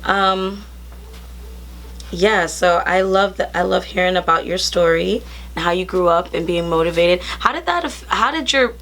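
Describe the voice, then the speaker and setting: A woman's voice: fairly low pitch, moderate pace, fairly bright tone. A woman hosting a casual interview, encouraging her guest and affirming him often. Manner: encouraging, with many affirming fillers. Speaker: interview host.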